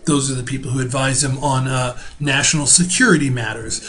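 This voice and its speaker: A man's voice: medium pitch, fairly even intonation, fairly bright tone, a little hiss or hum. Man giving a casual video lecture. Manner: conversational, with fillers and restarts; spells out terms slowly. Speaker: teacher.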